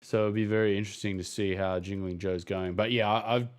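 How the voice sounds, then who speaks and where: A man's voice: fairly low pitch, steady tone, fast, smooth. A man co-hosting a podcast, in rambling casual sports chat, acting out what he'd say to players. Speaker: podcast co-host.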